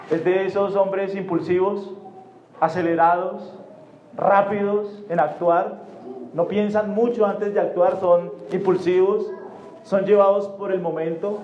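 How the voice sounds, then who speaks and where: A man's voice: high-pitched, roomy sound, muffled recording, slight background noise. A man preaching a sermon in a church, explaining Bible passages and often checking that the congregation understands.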